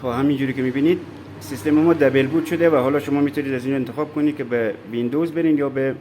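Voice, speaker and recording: A man calmly walking viewers through a computer installation, step by step, in a screen-recorded tutorial. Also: medium pitch, background noise. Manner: calm step-by-step instructions. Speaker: tutorial presenter.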